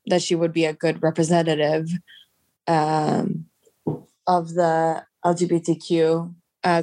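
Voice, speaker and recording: A woman co-hosts a casual podcast from her couch at home, recorded over a video call, her nose congested and stuffed up from allergies. Her voice is deep with a darkish tone, and the recording is dry.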